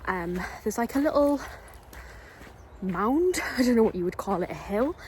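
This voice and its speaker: A woman's voice: fairly high pitch, expressive, moderate pace, background noise. A woman chatting casually into her camera for a vlog, rambling with plenty of ums. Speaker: vlogger. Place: outdoors on a walk, then at home.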